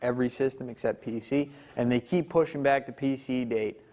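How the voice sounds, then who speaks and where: A man's voice: medium pitch, fairly even intonation, fairly quick, darkish tone. A young man co-hosting a casual gaming talk show, easygoing and talking with lots of "like" and "you know". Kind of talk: casual chat.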